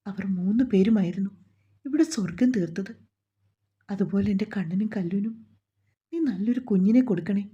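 A fretful, loving mother, voiced by a woman storyteller soothes and pleads in a mellow, breathy voice. The recording sounds dull and lo-fi. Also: medium pitch, moderate pace, long pauses. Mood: tearful prayer. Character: anxious, loving middle-aged mother comforting her daughter.

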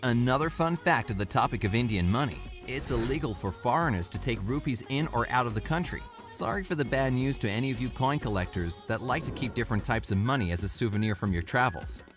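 A man's voice: mid-range voice, expressive, quick pace, hardly any pauses. Upbeat male narrator over faint music. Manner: upbeat, informative, lightly jokey. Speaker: narrator of a travel list video. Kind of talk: scripted narration.

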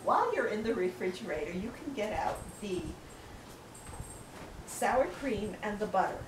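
With a medium pitch that swings widely, an older home cook talks at a moderate pace, casually telling her helper what to do while demonstrating a recipe in her kitchen. She's recorded by a camera far off across the room, in an echoey, noisy space.

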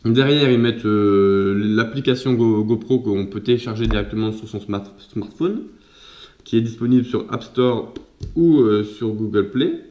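A man's voice: fairly low pitch, normal speed, a little mellow, dull audio. A man casually talking through an unboxing for his own vlog, chatty and laughing at himself. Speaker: vlogger. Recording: roomy echo.

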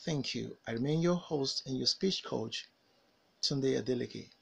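A man with a Nigerian English accent, teaching pronunciation as a speech coach, enunciating each word slowly and carefully. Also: medium pitch, vocal fry, breathy edge. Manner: slow, deliberate enunciation, drawn-out model sounds. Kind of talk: phonics pronunciation lesson.

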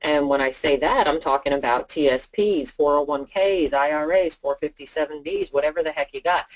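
An insurance sales trainer speaks informally and chattily on a conference call, role-playing short bits of client dialogue. The voice is mid-range and a little fast, with lo-fi sound.

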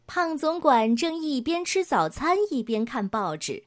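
A woman telling a children's storybook tale in a playful, sing-song way. Her voice sits high and swoops lively up and down. Soft music plays under her. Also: measured pace.

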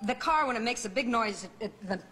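A woman on a game show, giving clues haltingly with many fillers. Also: a little high, lively intonation, sharp tone. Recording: noisy 1980s TV broadcast.

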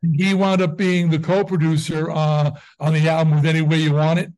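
A man in his sixties, a guest musician on an interview podcast, telling stories with wry deadpan humor. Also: on the high side, low-quality recording. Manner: wry, deadpan jokes, brisk storytelling. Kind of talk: casual interview chat.

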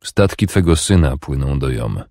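A man playing a calm young jarl. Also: very deep voice, dry recording, studio quality. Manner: calm, measured replies.

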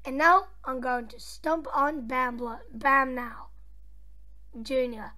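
A woman's voice: sits high, slow pace, bright, forceful tone, no echo, full character voice. A woman doing amateur fan voice acting as a boastful, bratty boss-fight villain who taunts and trash-talks. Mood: taunting.

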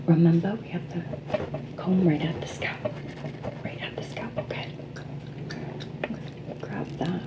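A woman's voice: lowish voice, unhurried, long pauses, dull audio, close to an everyday voice. Woman playing a gum-chewing Jersey saleswoman, whispered role-play. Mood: soothing, attentive. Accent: New Jersey. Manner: chewing gum, reassuring, flattering sales patter. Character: pushy flattering female Jersey salon sales associate. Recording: clearly noisy background.

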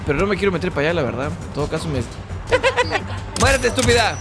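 A high-pitched man narrates his own gameplay in a loose, chatty way. He gets excited fast, yelling at enemies and grumbling at the game. Game music plays steadily behind him. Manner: excitable, shouts and curses at the game. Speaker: gaming channel host. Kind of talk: casual gameplay commentary. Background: game music and gunfire.

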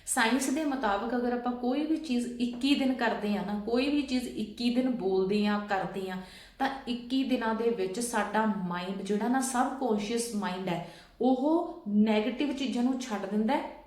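A woman's voice: on the high side, moderate pace, darkish tone, echoey room. A woman vlogger patiently explaining steps and often checking that listeners follow. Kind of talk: casual instructional talk.

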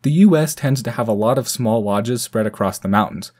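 An American host reads a scripted ski comparison as a voice-over. He talks in a brisk, conversational way, and his voice sits at a middling pitch. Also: a little mellow, husky. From United States. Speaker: channel host.

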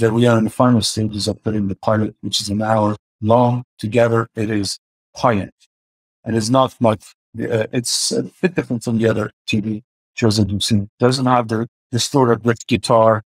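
A man in his forties, a car filmmaker appearing as a guest, speaks in a fairly low, husky voice with a mixed Iranian and Swedish accent. He's being interviewed over a video call from a room at home, hesitating often and using lots of fillers. The webcam audio is poor, though there's no room sound.

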